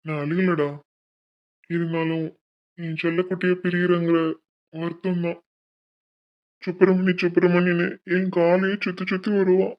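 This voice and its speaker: A woman's voice: fairly low pitch, level tone, measured pace, pauses often, highs cut off, lightly acted. A woman voicing a tender, tearful middle-aged father who is seeing his daughter off, in a cartoon. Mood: tender, sad. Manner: soft, tender, choked. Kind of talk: cartoon voice acting.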